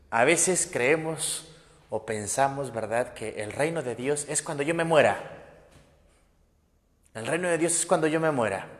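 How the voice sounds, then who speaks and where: Priest preaching in an echoey hall. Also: male voice, a little high. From Mexico. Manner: emphatic, repeats key phrases, frequent "¿verdad?". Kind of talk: sermon. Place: parish church.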